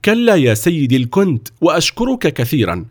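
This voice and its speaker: A man voicing a brave, humble peasant who answers simply and calmly. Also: fairly high pitch, fairly quick, no echo, clean studio sound, pitched above the performer's own voice. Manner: calm, simple.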